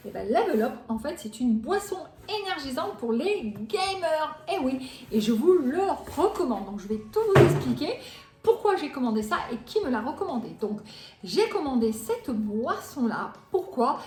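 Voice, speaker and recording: A woman's voice: high-pitched, sing-song, moderate pace, darkish tone. A woman in her forties hosting a cooking vlog, talking casually, chatty and self-mocking, in a home kitchen. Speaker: cooking channel host. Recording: echoey room.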